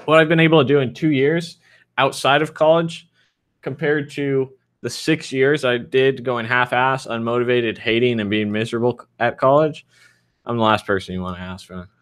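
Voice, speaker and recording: A man's voice: medium pitch, steady tone, normal speed. A man in his thirties answering viewer questions in a loose, frank, rambling way with lots of fillers. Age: 30s. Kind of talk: casual livestream Q&A.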